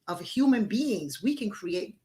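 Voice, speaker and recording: A woman's voice: medium pitch, lively intonation, a little slow, warm tone. Woman spiritual teacher talking to her group, medium voice, preachy but chatty. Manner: exhortative, storytelling with call-and-response. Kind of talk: spiritual talk and storytelling.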